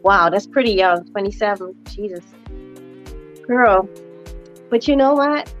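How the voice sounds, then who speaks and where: A woman's voice: medium pitch, expressive, a little slow, lo-fi sound, faint music behind. A woman hosting a casual interview, encouraging and chatty, often saying "you know". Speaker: host.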